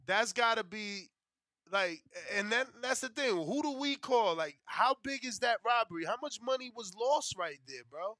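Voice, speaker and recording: High-voiced brash frat-bro man, indignant. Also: lively intonation, normal speed, sharp tone, no echo. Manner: brash frat-bro slang, heavy swearing; indignant, complaining. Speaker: livestream betting show host. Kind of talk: casual livestream chat.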